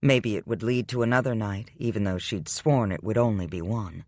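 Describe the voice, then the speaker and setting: A male audiobook narrator reads a scripted romance in a steady, even storytelling manner, his voice fairly low and his pace moderate. The studio sound is clean, with no echo.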